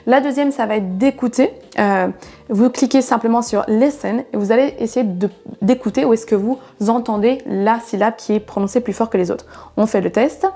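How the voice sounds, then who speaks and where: A woman whose first language is French, giving a clear, explanatory online pronunciation lesson as an English teacher and modelling example words slowly with marked stress. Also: fairly high pitch, dark tone.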